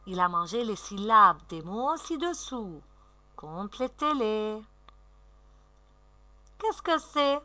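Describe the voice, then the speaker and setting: A woman teacher gives a recorded reading lesson to young children, sounding out syllables slowly and clearly in a sing-song way. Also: mid-range voice, sing-song, pushed and bright. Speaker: primary school teacher.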